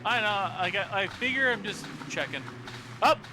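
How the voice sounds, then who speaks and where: Man, high voice, streaming a game, rambling and filler-heavy, noisy stream audio behind him. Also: lively intonation. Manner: rambling, filler-heavy, reads in-game text aloud haltingly. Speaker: player streaming a horror game. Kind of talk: casual live-stream chat.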